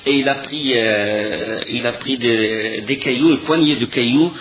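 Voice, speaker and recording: A man's voice: mid-range voice, measured pace, muffled recording, a little hiss or hum. A man giving a lecture, telling the story with animation, often restarting his sentences and using fillers. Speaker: teacher of religious history. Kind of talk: recorded lecture retelling a story.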